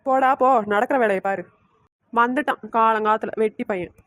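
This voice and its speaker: A woman's voice: normal speed, no room sound, studio quality, close to an everyday voice. A woman voicing a nagging, sarcastic middle-aged mother-in-law in a cartoon. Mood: grumbling. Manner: scolding, sarcastic, shrill. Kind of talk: cartoon voice acting.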